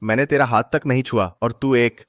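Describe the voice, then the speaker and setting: A man's voice: medium pitch, fairly even intonation, brisk, a bit bright, no echo, clean studio sound, lightly acted. An actor dubbing an arrogant, jealous rich young man who insults and threatens his rival. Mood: contemptuous. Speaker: rival suitor. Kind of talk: Hindi dubbed short drama. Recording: dubbed voice with music behind.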